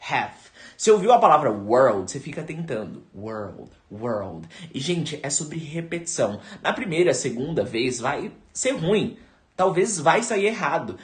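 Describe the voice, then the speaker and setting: A man with a Brazilian Portuguese accent teaching English pronunciation in an online lesson, repeating English words slowly for learners. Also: a little high.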